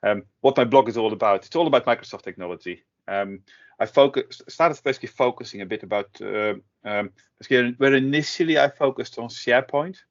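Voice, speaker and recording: A man's voice: mid-range voice, brisk. A middle-aged man from the Netherlands, talking casually in an interview with many fillers and restarts. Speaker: guest, tech blogger. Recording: dull lo-fi audio.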